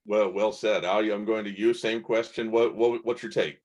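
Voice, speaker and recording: A man's voice: fairly low pitch, fairly even intonation, normal speed, a little mellow. A man hosting a tech panel show, talking loosely with many fillers and restarts as he hands questions to guests. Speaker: show host. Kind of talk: panel discussion moderation.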